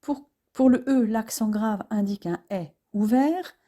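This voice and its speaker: A woman teaching French pronunciation, explaining accents and sounds slowly and carefully, with occasional hesitations. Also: fairly high pitch, warm tone. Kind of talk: pronunciation lesson.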